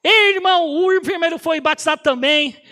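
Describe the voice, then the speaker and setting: High, bright-voiced pastor preaching. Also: male voice, fairly quick. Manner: lively, animated storyteller who often speaks to the congregation. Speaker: auxiliary pastor. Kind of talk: storytelling sermon testimony.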